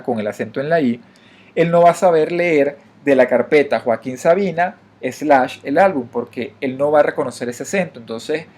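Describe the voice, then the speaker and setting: Male instructor, slightly high voice, patient step-by-step code walkthrough with hesitant fillers. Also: darkish tone. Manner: explanatory, frequent fillers and restarts, addresses viewers directly. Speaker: programming instructor. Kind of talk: screen-recorded coding tutorial.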